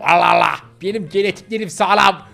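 A man's voice: high-pitched, fast talker, gravelly, pushed and bright, exaggerated voice. A man voicing a stubborn little male pitbull puppy in a game role-play, talking in a defiant, boastful way.

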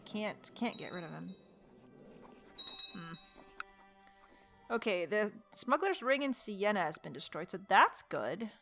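A woman's voice: mid-range voice, sing-song, takes it slowly, pauses often, fairly bright tone, soft background music. A woman casually commenting on her strategy game, exasperated and joking, talking to the characters and laughing often. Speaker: let's play gamer.

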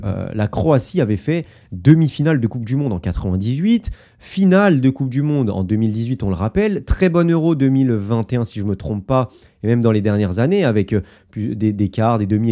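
Man, football channel host, mellow warm voice, chatty and opinionated, lots of fillers. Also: mid-range voice, big pitch swings, brisk. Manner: chatty, opinionated, many fillers and direct asides to viewers. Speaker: football YouTuber. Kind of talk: casual football analysis to camera.

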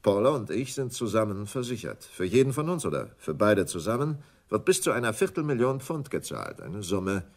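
Smug and businesslike, the actor's lowish male voice swings widely in pitch as he plays a scheming, smooth English stockbroker. The role belongs to a German radio crime drama. His delivery is deliberate and condescending.

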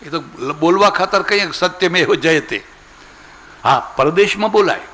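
A man's voice: high voice, a bit bright, rough recording. An older man with a Gujarati accent giving a spiritual sermon, telling stories and acting out the dialogue. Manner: storytelling, acts out dialogue, sings refrains slowly. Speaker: swami giving a spiritual discourse. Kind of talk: sermon with storytelling.

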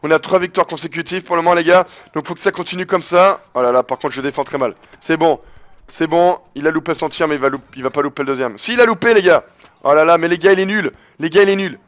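A man giving excited live commentary over a basketball video game as the host of his channel, his voice worn from shouting, breaking into triumphant yells. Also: on the high side, fast.

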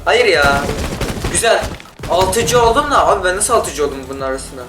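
A man giving casual gameplay commentary, excitable and yelling in bursts during fights, talking to the other players. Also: high voice, moderate pace, recorded from a distance. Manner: talks to other players and teammates. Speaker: gaming YouTuber. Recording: roomy sound, off-mic, loud game music. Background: game music and gunfire.

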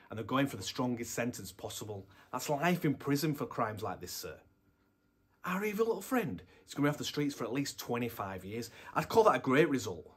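An actor in his thirties playing a defiant, hot-tempered police detective in a dramatic monologue, husky and emphatic. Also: on the low side, a bit bright, exaggerated voice. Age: 30s. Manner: indignant, emphatic. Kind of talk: dramatic audition monologue to camera. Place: plain indoor room or small studio.

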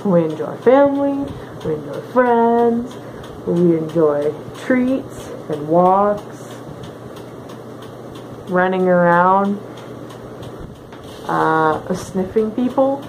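Wearing a costume head that muffles her voice, a woman answers fan questions in a casual chat, staying in character as a winged canine creature. She is playful and sassy, speaking very slowly with frequent pauses in a lowish, darkish voice with lively intonation. Background hiss runs under the recording.

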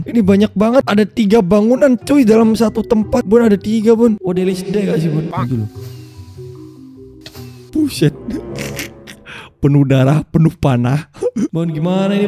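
A young man doing excitable, slangy let's-play commentary, bantering with a teammate and yelping at the game. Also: high voice. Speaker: gaming YouTuber.

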